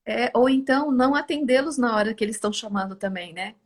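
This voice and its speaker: A woman's voice: fairly high pitch, quick pace. A middle-aged woman hosting a live talk, chatting casually and acting out family conversations with animation. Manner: animated, acts out family dialogue. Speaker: live host.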